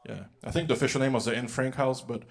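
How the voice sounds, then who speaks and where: On a big music hall stage, a young adult comedian from the United States rattles through his set with a medium-pitched, creaky, slightly rough voice. His storytelling is loose and chatty, with fillers and quotes he acts out.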